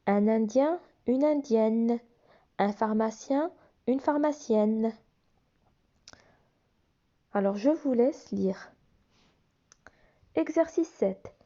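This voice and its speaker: This teacher talks extremely slowly, pausing often, in a slightly high, dark-toned voice as she leads young children through phonics exercises from a workbook. She spells out letters and sounds with patience, and the highs are cut off in the recording.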